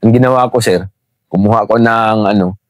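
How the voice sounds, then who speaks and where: A man's voice: lowish voice, moderate pace, dry recording. A middle-aged man, an interview guest and former rebel fighter, telling his story conversationally and politely calling the host sir. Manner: deferential, calls the host sir often.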